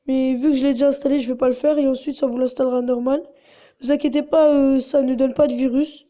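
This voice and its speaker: A woman's voice: sits high, little pitch movement, quick pace, warm tone. A woman narrating a casual step-by-step tutorial in a chatty way, with many fillers. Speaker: tutorial host.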